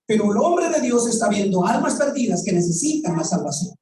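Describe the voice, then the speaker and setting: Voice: mid-range voice, very animated, brisk, far from the mic, background noise. A pastor with a Colombian accent preaching a sermon, telling a story and acting out its dialogue, then asking the congregation rhetorical questions. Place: church hall. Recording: echoey room, voice from off the mic.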